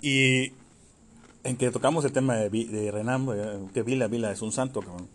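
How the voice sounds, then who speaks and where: A Mexican man from Yucatán in a casual podcast chat, crude and joking, swearing nearly every line, with a scratchy throat he keeps clearing. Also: mid-range voice, normal speed. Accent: Mexican Spanish. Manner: crude, swears constantly, jokey. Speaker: podcast co-host.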